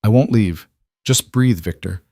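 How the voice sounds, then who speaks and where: A man's voice: fairly low pitch, a little slow, warm tone, dry recording. A man voicing a young duchess who pleads and gives urgent orders in a raised voice. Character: young duchess, frantic and commanding.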